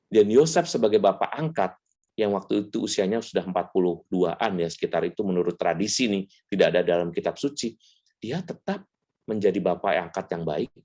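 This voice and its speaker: Middle-aged priest guy chatting about faith, pitch jumping all over, acts out the quotes. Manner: animated storyteller acting out quotes. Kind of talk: conversational faith talk.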